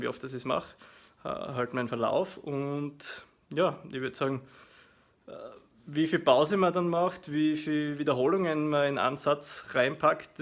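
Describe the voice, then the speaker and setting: A man in his thirties with an Austrian German accent casually explains his workout to camera, in a hesitant, explanatory way with frequent filler pauses. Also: on the high side, creaky. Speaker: fitness vlogger. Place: small living room at home, indoors. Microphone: phone at arm's length.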